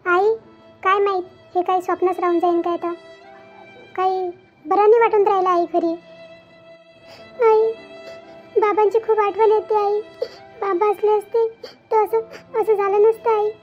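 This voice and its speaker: A woman voicing a troubled young married daughter in a cartoon. She talks in a hesitant, pleading way with halting restarts. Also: very high-pitched, level tone. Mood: tearful. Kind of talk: Marathi cartoon voice acting. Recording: dull lo-fi with faint background music.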